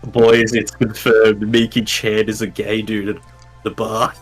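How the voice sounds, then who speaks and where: A man's voice: on the low side, completely flat delivery, unhurried, faint music behind. Swearing young man streamer. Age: 20s. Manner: swears a lot, rambling restarts. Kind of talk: casual chat while playing.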